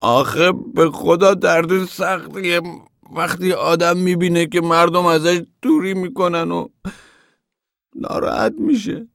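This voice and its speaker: A male narrator voicing a self-pitying one-eyed grown man who complains in a slow, plaintive way. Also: high voice, steady tone, creaky, fairly bright tone, dry recording, studio quality. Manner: plaintive, dragging delivery.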